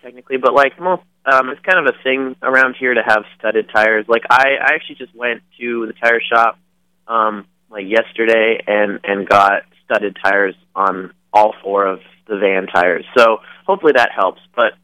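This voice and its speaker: Male musician guest heard over the phone; crisp bright tone, dry sound, easygoing. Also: lowish voice, moderate pace, no echo, low-quality recording. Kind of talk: casual chat.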